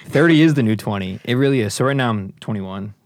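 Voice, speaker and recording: A man's voice: fairly low pitch, lively intonation, fast, no room sound. A man in his early thirties from Chicago, hosting a casual chat, asking curious questions and joking. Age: 30s. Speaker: podcast host.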